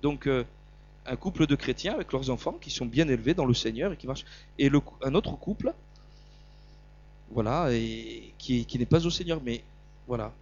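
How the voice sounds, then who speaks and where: A middle-aged man with a southern French accent preaching a sermon, stumbling and repeating words, swinging between loud emphasis and quiet asides. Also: medium pitch, expressive, normal speed, long pauses, muffled recording.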